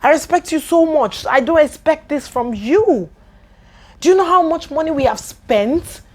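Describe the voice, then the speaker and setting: A woman's voice: high voice, expressive, darkish tone. Exasperated Nigerian woman ranting. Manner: exasperated, rapid rhetorical questions. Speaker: vlogger. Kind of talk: angry rant to camera.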